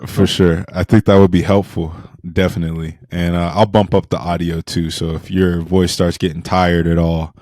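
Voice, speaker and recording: A man's voice: low-pitched, flat delivery, moderate pace, few pauses, a little mellow, dry recording. A man hosting a podcast interview in a casual, slangy and enthusiastic way.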